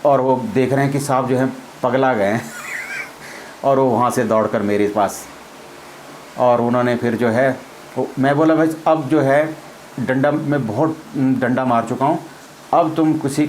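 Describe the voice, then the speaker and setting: A former army officer tells a personal story casually, acting out the quoted dialogue and laughing along the way. His mid-range voice is unhurried and a little mellow, and the rough recording carries a slight hiss or hum.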